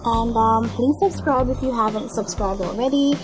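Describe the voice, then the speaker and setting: A woman's voice: on the high side, moderate pace, over music, low-quality recording. A woman vlogger talking casually at home while unboxing and testing a microphone, often asking viewers for feedback. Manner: chatty, filler-heavy, asks viewers for feedback. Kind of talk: casual unboxing and mic test. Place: indoor room with a fan. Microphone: camera mic and clip-on mic, changing distance.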